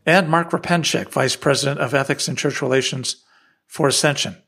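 A man's voice: mid-range voice, fairly quick, creaky, breathy edge. A man hosting a podcast, reading a scripted introduction and asking prepared questions. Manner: reads steady prepared lines and questions. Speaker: podcast host.

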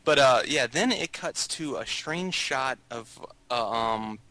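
A man's voice: medium pitch, animated, slow pace, pushed and bright, no room sound, poor audio. A man co-hosting a casual movie podcast, recapping scenes in a loose, rambling way full of fillers. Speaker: podcast co-host.

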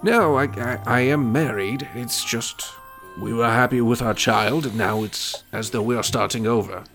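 A man playing a courteous, evasive elf noble in a tabletop game, speaking in a halting, hesitant way. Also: medium pitch, fairly bright tone, soft background music, natural voice. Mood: defensive. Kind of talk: tabletop role-play character voice.

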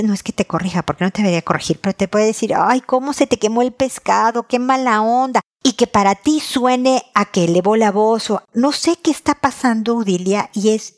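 Woman giving firm relationship advice. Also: medium pitch. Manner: speaks straight to the listener by name, with firm warmth. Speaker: advice show host.

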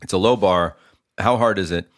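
A man's voice: deep voice, moderate pace, no echo, clean studio sound. A man, co-hosting a casual chat podcast, joking and talking between bites of food. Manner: joking, talks while eating. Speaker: podcast co-host.

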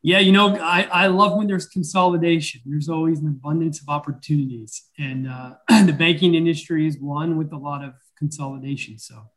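A man speaks over a video call, talking through his work as a bank president. His voice sits a little high, and he takes his time, filling pauses with ums and the odd throat-clear. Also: fairly even intonation, fairly bright tone. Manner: unhurried, with frequent fillers and throat-clearing. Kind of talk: interview answers.

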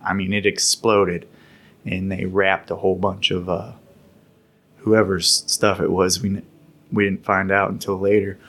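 A laid-back man spinning a long story from his service days. His voice sits fairly low, and he rambles along in an easy, conversational way. It has the feel of a podcast chat. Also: flat delivery, unhurried, fairly bright tone. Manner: laid-back, rambling, laughs while telling. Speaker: podcast co-host recounting military service. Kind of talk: casual storytelling.

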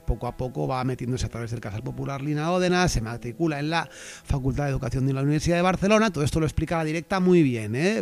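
A man's voice: a little high, darkish tone. A man hosting a casual satirical podcast, joking and rambling with lots of fillers and restarts. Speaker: podcast host.

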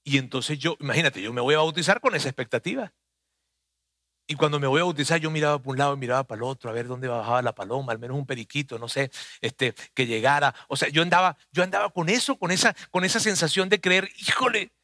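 A man's voice: fairly high pitch, fast talker, pushed and bright, no room sound, studio quality. A man, preaching a conversational sermon that speaks earnestly and personally to the listener.

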